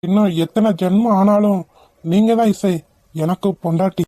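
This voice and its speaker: A woman's voice: mid-range voice, steady tone, moderate pace, warm tone, faint music behind, close to an everyday voice. A woman voicing a devoted young man in love in a cartoon, speaking in an earnest, pleading way. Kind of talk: cartoon voice acting.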